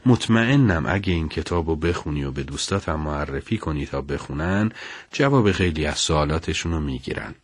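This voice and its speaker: A man's voice: rumbling low, animated, slightly rough, dry recording, pitched below the performer's own voice, full character voice. A man voicing a kind, good-humoured middle-aged father who reads and writes at home. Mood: kindly.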